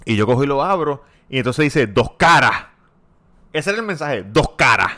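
Puerto rican guy cohosting a podcast, super animated, does the voices when he tells a story, laughs a lot. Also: medium pitch, fairly quick. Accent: Puerto Rican Spanish. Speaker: podcast co-host. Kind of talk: casual chat.

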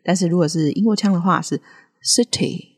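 A woman co-hosting a casual podcast lesson, modelling English words slowly between frequent laughs. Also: fairly low pitch, husky. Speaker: podcast co-host teaching English accents. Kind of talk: casual language-lesson chat.

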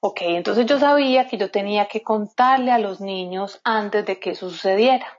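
A woman's voice: medium pitch, moderate pace. A woman guest in an interview, telling a personal story in an earnest, heartfelt way. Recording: slightly dull lo-fi sound.

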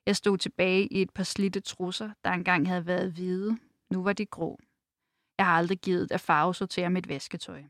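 A woman reading a first-person novel aloud in a measured, unhurried way, then talking about the book. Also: lowish voice, no echo, studio quality. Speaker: reader and book discussant.

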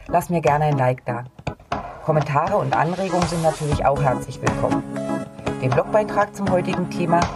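A woman hosting a scripted writing tutorial, talking straight to the viewer in a direct, instructive way. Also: low-pitched. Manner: direct and instructive, uses imperatives. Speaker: writing coach and channel host.

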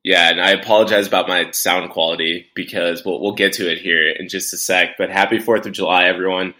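A man, an airline pilot co-hosting a podcast, chatting and telling stories over a degraded, low-quality remote audio stream. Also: fairly even intonation, fairly quick, sharp tone. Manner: chatty storyteller, laughs easily. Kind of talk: casual podcast chat.

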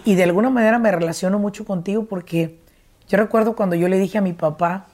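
A woman's voice: lowish voice, darkish tone. A woman from Mexico with a Mexican accent hosting an interview, earnest and reflective as she shares her own story. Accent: Mexican Spanish. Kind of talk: conversational interview and personal story.

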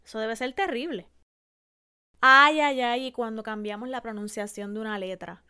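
A Puerto Rican woman hosting a solo podcast on public speaking, teaching carefully and slowing down to spell out examples. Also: on the high side, fairly even intonation, sharp tone, smooth. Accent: Puerto Rican Spanish. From Puerto Rico. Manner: didactic, slows to spell out examples. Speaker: podcast host.

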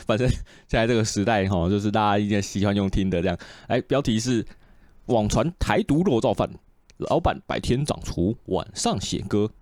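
A Taiwanese-accented man hosts a podcast in a loose, chatty way, his low voice loaded with fillers. He sounds close and dry, with no room around him. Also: dry recording. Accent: Taiwanese Mandarin. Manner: relaxed, chatty, many fillers, switches into Taiwanese. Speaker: podcast host. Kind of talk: casual podcast chat.

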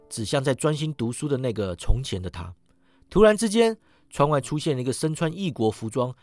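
A man reading a story aloud, expressive, his voice rising and sinking with the scene. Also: mid-range voice. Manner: expressive, rises and sinks with the scene. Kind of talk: storytelling narration.

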